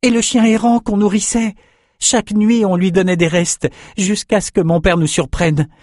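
A man voicing a gentle young male swordsman, earnest and pleading, in a storybook reading. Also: high voice, fairly even intonation, moderate pace, dry recording, studio quality, pitched above the performer's own voice, lightly acted.

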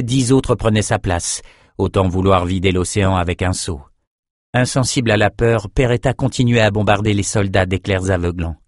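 A man with a lowish voice reads a fantasy adventure aloud as narrator. His reading is measured and dramatic. The sound is close and dry, with no room echo. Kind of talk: storybook narration.

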